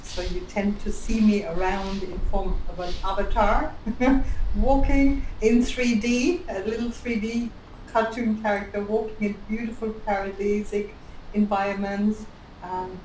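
A woman's voice: medium pitch, fairly even intonation, unhurried, a little mellow, recorded from a distance. A chatty woman introduces herself on a video call, laughing lightly between phrases. She sounds set back from the mic in a roomy space, with a faint hiss. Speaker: webinar guest speaker. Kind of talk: casual chat and self-introduction.

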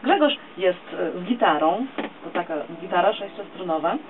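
A woman's voice: fairly low pitch, animated, moderate pace. Woman radio interviewer, dull noisy recording. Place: small radio studio, indoors. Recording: dull lo-fi camera recording, clear noise.

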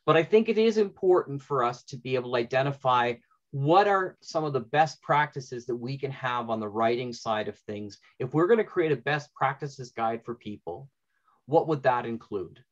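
A middle-aged man with a medium-pitched voice and lively intonation hosts an informal panel from a room at home, speaking at a moderate pace. He's an audio drama writer thinking aloud conversationally, and the video call audio is dull and lo-fi.

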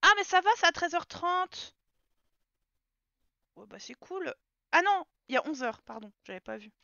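High, bright-voiced chatty woman streamer. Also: lively intonation, moderate pace, gravelly, no echo, lo-fi sound. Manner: chatty, talks to her game characters. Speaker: game streamer. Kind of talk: casual live gameplay commentary.

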